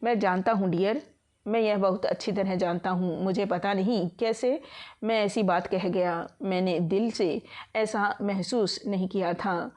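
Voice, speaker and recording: A woman's voice: mid-range voice, steady tone, a little slow, a little mellow, lightly acted. Woman reading a remorseful young man begging. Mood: apologetic. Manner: pleading, apologetic.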